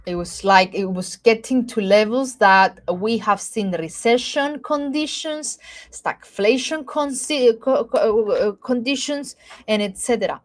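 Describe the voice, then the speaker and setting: A market analyst from Cyprus, a woman with a Greek Cypriot accent and a slightly high voice, explains markets in a live webinar. Her delivery is halting, full of fillers and restarts, and she keeps checking in with "okay?".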